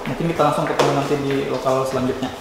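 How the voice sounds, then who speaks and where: A man's voice: medium pitch, little pitch movement, rapid-fire. A man hosting a casual night exploration vlog, speaking hesitantly as he searches for words. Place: school building at night. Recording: clear night insect noise behind.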